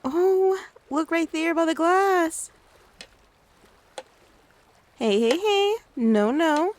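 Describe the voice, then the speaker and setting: A woman playing a gentle, doting mother in a soft-spoken ASMR role-play, soothing and coaxing as she talks to the listener like a small child. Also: very high-pitched, animated, very slow, full character voice. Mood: tender. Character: gentle doting mother taking her little one out. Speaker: ASMR creator.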